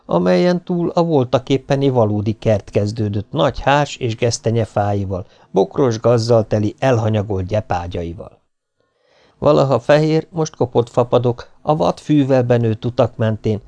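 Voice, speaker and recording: Gravelly guy reading an audiobook, steady and measured. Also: medium pitch. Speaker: audiobook narrator.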